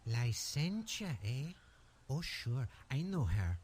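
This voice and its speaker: A fussy male collector of rare voices from an adventure game. He talks slowly and deliberately, with a self-important, measured air. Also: medium pitch, sing-song, darkish tone, slightly rough, exaggerated voice. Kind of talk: game voice acting.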